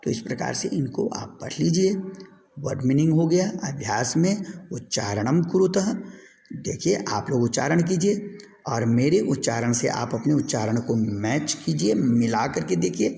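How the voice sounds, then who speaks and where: A man's voice: medium pitch, animated, unhurried, creaky, mellow. A male Sanskrit teacher, drilling words and answering his own questions in a recorded class lesson. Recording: echoey room with long reverb.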